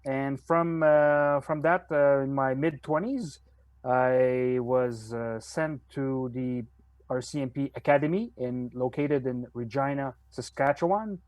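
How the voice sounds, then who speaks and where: An older man from Montreal, a retired police officer, speaking as a guest on a podcast with many pauses and fillers. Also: medium pitch, darkish tone, dry recording. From Montreal, Canada. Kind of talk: podcast interview.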